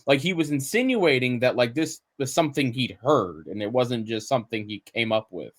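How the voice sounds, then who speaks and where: A man's voice: medium pitch, expressive, normal speed, no echo. A man on a podcast in casual chat, blunt and opinionated, swearing freely. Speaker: podcast guest.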